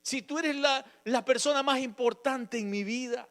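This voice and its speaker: A man's voice: very high voice, moderate pace, fairly bright tone, pitched above the performer's own voice. A man preaching and voicing a blind beggar in a raised, earnest and emphatic voice. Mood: pleading. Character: blind beggar, grown man, devoted and pleading.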